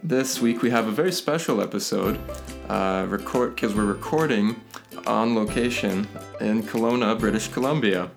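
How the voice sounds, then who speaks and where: Low, creaky-voiced male podcast host. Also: normal speed, hardly any pauses, over music. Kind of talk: casual podcast interview.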